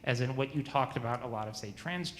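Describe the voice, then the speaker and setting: Brief: man in his forties, community questioner, stumbling, self-correcting delivery, roomy hall echo, faint hiss. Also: medium pitch. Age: 40s. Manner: halting, stumbles and restarts often. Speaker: church member asking questions. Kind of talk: question at a church meeting. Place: church meeting room.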